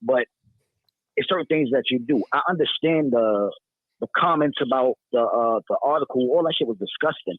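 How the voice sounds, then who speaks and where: A young man from Brooklyn, a college athlete calling in, talking in quick, casual slang. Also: mid-range voice, breathy edge, no echo. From Brooklyn, New York. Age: young adult. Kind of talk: phone-in call defending his comments. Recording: tinny phone line.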